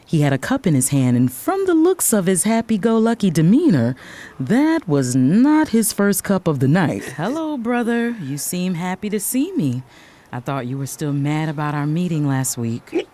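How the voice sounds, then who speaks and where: In a first-person audio drama, a woman voices and narrates a proud, composed young lawyer and older sister, delivering her lines deliberately. She sounds fairly low and mellow yet very animated, with a proud, challenging mood.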